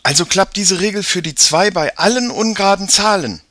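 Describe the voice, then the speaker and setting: A man voicing Mia, a clever, excitable young girl who eagerly points things out. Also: high-pitched, fairly quick, no room sound, clean studio sound, pitched above the performer's own voice.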